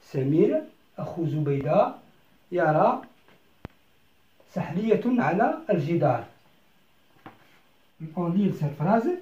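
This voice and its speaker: A French teacher giving a beginner lesson, switching between French and Arabic, speaking slowly and breaking each word into syllables and repeating them. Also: mid-range voice, big pitch swings, dark tone. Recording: roomy, slightly dull recording.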